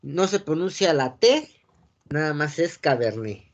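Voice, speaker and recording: A man with a Mexican accent teaching a class, often checking that students follow and filling pauses with "este". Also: a little high, animated, muffled recording, slight background noise. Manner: keeps checking the class follows, asking "sale?"; frequent filler "este" and restarts. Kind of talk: classroom lecture. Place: classroom with a board.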